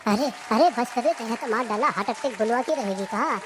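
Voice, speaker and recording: A woman's voice: fairly high pitch, brisk, background noise, close to an everyday voice. A woman voicing a stingy, teasing village husband in a cartoon comedy, with a scolding, mock-dramatic manner. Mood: teasing grumbling.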